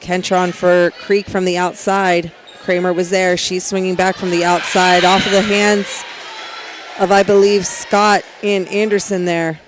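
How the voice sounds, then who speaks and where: High-voiced man calling volleyball plays. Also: little pitch movement, background noise. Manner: rapid name-calling, rising to shouts on big plays. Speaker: play-by-play announcer. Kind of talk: volleyball play-by-play commentary.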